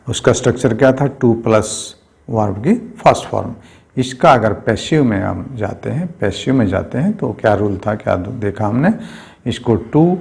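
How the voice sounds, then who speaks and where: A man teaching an English grammar lesson. He explains things slowly and step by step, and he keeps asking "right?". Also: lowish voice, vocal fry, darkish tone. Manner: slow, explanatory, often asks "right?".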